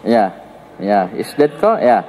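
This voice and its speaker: A man's voice: slow pace, big-room sound, rough recording. A male teacher with an Indonesian accent giving an Arabic grammar lesson in casual classroom talk, joking and swinging his intonation up and down. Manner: lively, joking, swings pitch up and down to show intonation.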